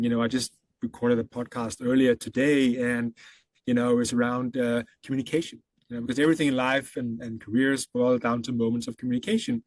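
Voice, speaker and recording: A man's voice: mid-range voice, no echo. Danish-accented man in a dry close recording. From Denmark. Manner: thoughtful, with frequent fillers and restarts. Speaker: guest, consultant. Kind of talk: casual interview.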